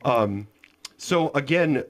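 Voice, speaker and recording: A man hosting a local radio interview program, asking his guest questions in a relaxed, conversational way. His pitch is ordinary for a man, and he often restarts his sentences mid-question. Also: takes it slowly. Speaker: radio show host.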